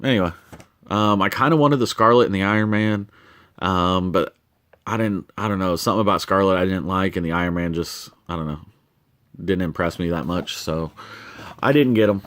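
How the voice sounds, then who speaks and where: Casual vlogger, man, lowish voice, loose and rambling, filler-heavy, filmed at home. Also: normal speed. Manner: relaxed, rambling with many fillers. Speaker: toy collector vlogger. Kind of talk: casual show-and-tell vlog. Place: home collection room.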